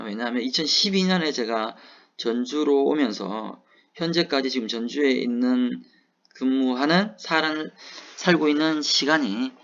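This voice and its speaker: A man's voice: mid-range voice, fairly bright tone, highs cut off. A man in his forties with a Gyeongsang accent, lecturing and answering his own rhetorical questions. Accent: Gyeongsang Korean. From Gyeongsang region, South Korea. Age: 40s. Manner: asks rhetorical questions and answers them himself.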